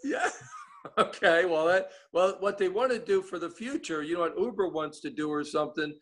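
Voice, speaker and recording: A man's voice: high voice, moderate pace, fairly bright tone. A man with an East Coast American accent, chatting casually as a guest and rambling through many restarts. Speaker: guest giving updates. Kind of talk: casual chat.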